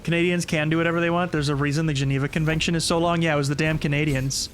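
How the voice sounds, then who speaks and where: A man streaming a game and chatting casually with friends, joking and excitable. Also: fairly high pitch, rapid-fire. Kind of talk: casual gaming chat. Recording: noisy game audio behind voice.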